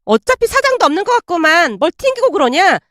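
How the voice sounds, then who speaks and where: A woman's voice: very high-pitched, big pitch swings, fast, a bit bright, dry recording, studio quality, pitched above the performer's own voice, exaggerated voice. A woman voicing an arrogant, spoiled young woman who mocks and bosses an old classmate in a storybook drama. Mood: sneering. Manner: mocking, condescending, bossy.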